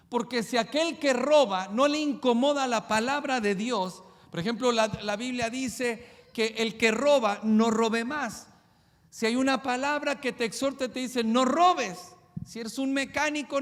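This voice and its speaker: A male pastor, preaching a sermon with emphatic, rapid-fire rhetorical questions. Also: very high voice, fairly bright tone, long reverb tail.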